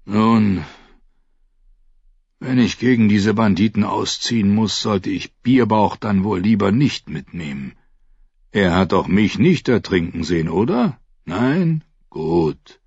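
A steady knight with a calm, wry way of talking, as a man reading aloud puts him on. The voice is husky and close-miked and dry, in a dull recording. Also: lowish voice, takes it slowly, dry recording, heavily acted.

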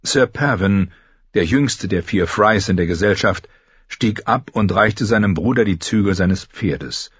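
Husky low-voiced male audiobook narrator. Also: unhurried, no echo, highs cut off. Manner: expressive, voices every character. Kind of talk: scripted narration.

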